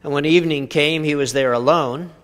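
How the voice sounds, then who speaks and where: A man's voice: a little high, brisk, a bit bright. Man preaching a sermon in a reverberant hall. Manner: conversational, with rhetorical questions and dry humor. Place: church sanctuary.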